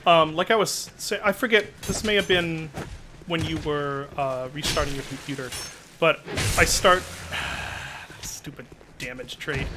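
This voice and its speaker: A young man with a bright, slightly high voice talks casually over a game stream at his desk mic. He laughs a lot and mutters to himself as he plays, with a faint hiss in the background. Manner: chatty, laughs often, mutters to himself while playing. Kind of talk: casual gaming stream chat. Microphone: desk microphone.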